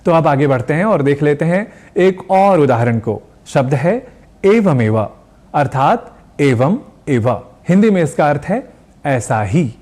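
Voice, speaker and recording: Man with a measured teaching voice. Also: a little high, expressive, darkish tone. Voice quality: careful, deliberate enunciation of sounds. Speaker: Sanskrit language teacher. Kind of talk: scripted televised pronunciation lesson.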